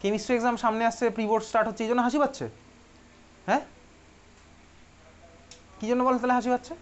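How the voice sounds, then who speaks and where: A man's voice: very high voice, fairly even intonation, fast. A man teaching a chemistry class with a Bengali accent, chatty and teasing, often asking the students questions. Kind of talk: classroom lecture. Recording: dull lo-fi classroom recording.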